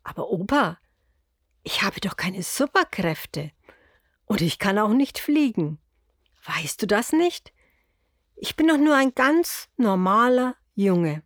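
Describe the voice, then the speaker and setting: A woman voicing a kind, curious young boy in a storybook, with a bright, eager childlike voice. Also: medium pitch, sing-song, takes it slowly, pauses often, dry recording, studio quality. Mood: wondering. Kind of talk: storybook character voice.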